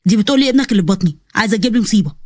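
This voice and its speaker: A woman doing a gruff young Egyptian officer. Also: mid-range voice, animated, very fast, dry recording, clean studio sound, pitched below the performer's own voice, close to an everyday voice. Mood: annoyed. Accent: Egyptian Arabic. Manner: blunt, exasperated scolding. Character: gruff young male police officer, short-tempered.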